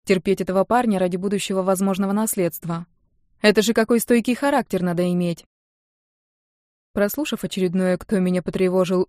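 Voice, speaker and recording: A woman's voice: medium pitch, warm tone, no room sound, studio quality. A young woman narrating a first-person audiobook in a wry, matter-of-fact way. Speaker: audiobook reader.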